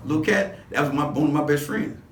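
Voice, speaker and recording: Here a sixty-something man from Los Angeles looks back on the past as an interview guest, using rambling street slang and frequently starting over. He speaks a little fast at a fairly high pitch, recorded from a distance in an echoey room.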